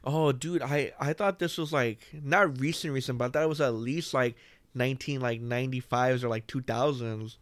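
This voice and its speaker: A man chats casually as a podcast co-host. His voice is mid-pitched and clear, with a close, dry sound. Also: steady tone, moderate pace, no room sound. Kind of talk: casual chat.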